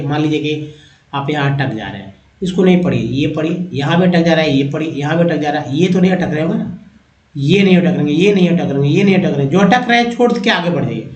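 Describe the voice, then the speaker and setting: High, slow-talking male English teacher. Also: a little mellow, roomy sound, rough recording. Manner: repeats each word slowly, addresses viewers as friends. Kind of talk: pronunciation drill lesson.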